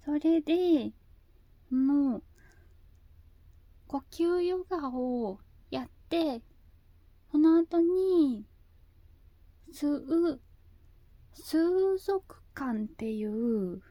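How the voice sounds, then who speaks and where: Very soft, high, cutesy anime-girl female voice. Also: expressive, no room sound. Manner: hesitant, halting, often repeating herself. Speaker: video host. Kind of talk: slow casual monologue.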